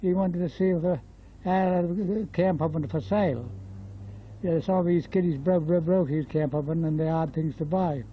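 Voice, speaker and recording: A man's voice: fairly high pitch, normal speed, a little hiss or hum. An Australian man in his nineties reminiscing in a casual, rambling old man's way, often repeating himself. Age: 90s. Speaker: interviewee, former bush labourer. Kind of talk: casual oral history reminiscence. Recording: dull lo-fi field interview tape.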